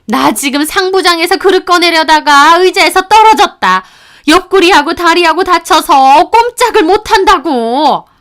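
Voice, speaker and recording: A woman voicing a bullying older mother-in-law who scolds and shouts. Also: high voice, moderate pace, clear, resonant tone. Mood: shouting.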